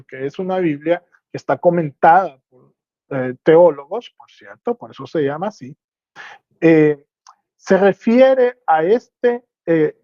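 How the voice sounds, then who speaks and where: A Bible teacher with a mellow, medium-pitched voice delivers a teaching sermon, walking through the material step by step. He uses rhetorical questions to make sure listeners are keeping up. The sound is dry and dull, lo-fi with no room echo.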